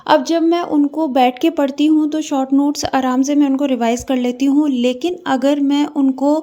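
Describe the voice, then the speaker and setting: A young woman with a high, mellow voice vlogs at a normal pace and a steady tone, and the recording's highs are cut off. She's studying for an exam while raising a child, and she chats casually to viewers as if they were friends, often hesitating.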